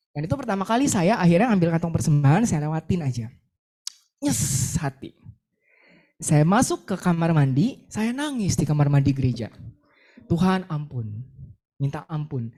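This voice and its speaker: A young woman shares a personal testimony from the pulpit. Her fairly high voice rises and falls in wide, lively swings as she acts out her own words and prayers. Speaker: preacher sharing a testimony. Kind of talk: sermon testimony.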